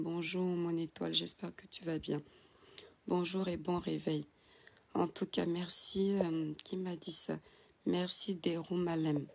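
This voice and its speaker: Woman, creaky morning voice, affectionate live-stream host reading viewer names into her phone. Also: on the low side, a little mellow. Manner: affectionate, calls viewers "my star", reads names with hesitant fillers. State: just woken up. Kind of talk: casual audio-only live chat, reading out viewer comments. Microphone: phone, audio only.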